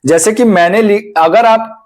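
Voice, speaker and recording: Slow-paced man teaching, self-questioning. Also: high-pitched. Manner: asks questions and answers them himself, repeats key terms; addresses viewers as friends. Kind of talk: exam-prep Hindi grammar lesson.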